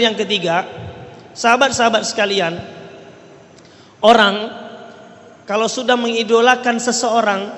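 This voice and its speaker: A man's very high, fairly bright voice fills a large hall with long reverb as he preaches a sermon. The Islamic preacher speaks Indonesian with a hint of Riau Malay, asking the congregation rhetorical questions and regularly checking in with them.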